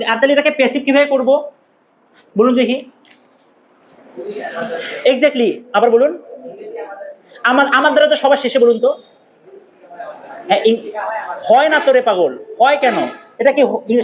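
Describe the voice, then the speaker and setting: High-voiced man teaching a grammar class. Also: normal speed, pauses often, a little hiss or hum, rough recording. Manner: lively, questioning, repeats key points for students. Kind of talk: classroom lecture with questions to students.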